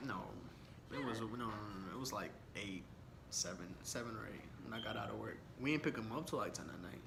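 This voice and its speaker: A man's voice: fairly low pitch, a little fast, creaky. Young man telling stories, laid-back and slangy. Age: young adult. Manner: laid-back, slangy and rambling, laughs often. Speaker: vlogger. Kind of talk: casual story time chat. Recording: background noise.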